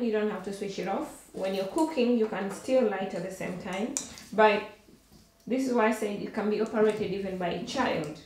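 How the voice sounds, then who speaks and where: A middle-aged Ugandan woman explains and demonstrates a product she invented, often halting with ums and restarting her sentences. Her voice is mid-range, with a little hiss or hum on the recording.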